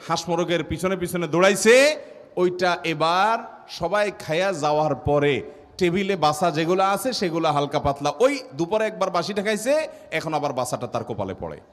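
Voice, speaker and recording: A man's voice: high-pitched, a bit bright. Preacher man, ringing hall. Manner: storytelling with a repeated rhetorical question. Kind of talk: waz sermon.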